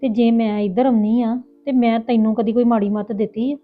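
Outspoken, indignant elder sister with a Punjabi accent, played by a woman. Very quick delivery, lo-fi thin sound with faint music. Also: a little high, steady tone, lightly acted. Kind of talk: village family drama acting. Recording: tinny phone-like lo-fi with music.

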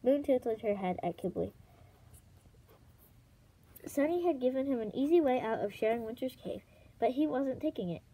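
A woman reading a children's fantasy novel aloud as an amateur audiobook, in a steady storytelling manner. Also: high voice, normal speed, pauses often, breathy edge, poor audio. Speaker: audiobook reader.

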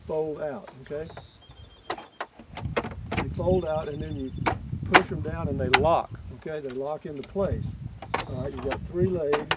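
An older man with a voice on the high side reviews camping gear beside his truck, filmed by a camera close up on the tailgate. The outdoor recording has clear background noise, and his casual demo is rambling and folksy, full of self-corrections.

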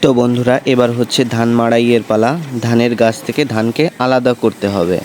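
A man's voice: medium pitch, level tone, fairly quick, a little mellow, slight background noise. A young man from a Bengali village vlogging in simple, teacherly talk, asking viewers questions and answering them himself. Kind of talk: casual explainer vlog to viewers. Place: outdoors in a village farmyard.

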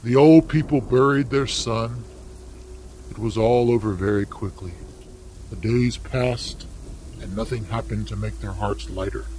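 A man reading a story aloud for language learners, with slow, careful, deliberate delivery. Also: lowish voice, darkish tone, slight background noise. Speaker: narrator.

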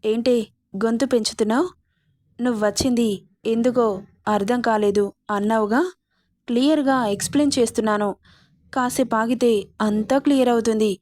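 Woman reading a cocky bossy young man, mocking tone, fast comebacks, fairly high voice, dry close sound. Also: steady tone, a little mellow, no room sound, natural voice. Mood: domineering. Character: arrogant domineering male boss, young adult. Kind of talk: storybook romance reading.

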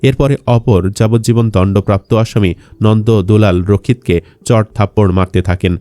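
A man's voice: fairly low pitch, steady tone, moderate pace, warm tone, no room sound. A man reading scripted news narration for an online channel.

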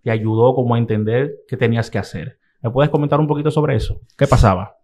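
A man's voice: mid-range voice, fast, darkish tone. A man hosting an interview, asking questions and encouraging his guest. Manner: encouraging, short backchannels. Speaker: interviewer host. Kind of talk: casual interview.

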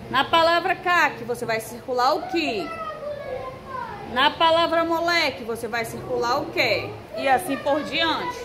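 A woman's voice: high-pitched, noisy background. A Brazilian woman teaching a recorded first-grade lesson, patiently spelling out letters and syllables. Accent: Brazilian Portuguese. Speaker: primary school teacher. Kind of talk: recorded remote class.

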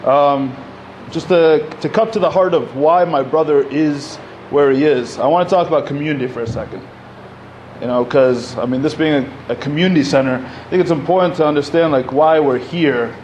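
At a podium microphone in a community center hall, an Egyptian-born man in his thirties speaks on a panel in a slightly high, darkish voice at a moderate pace. His public talk is conversational, full of fillers and restarts, with slight background noise.

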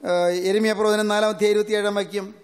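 A man preaching with a strikingly high voice that rings out in a hall with a long reverb. He repeats each scripture phrase at a slow, deliberate pace, then drives his point home with steady repetition. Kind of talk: sermon.

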